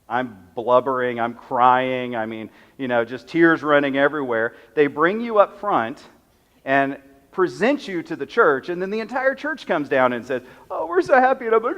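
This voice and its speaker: Animated man telling his story in a big hall. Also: medium pitch. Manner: animated storytelling, acts out quoted voices. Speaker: pastor. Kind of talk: testimony talk to a church class. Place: church hall. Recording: long reverb of a church hall.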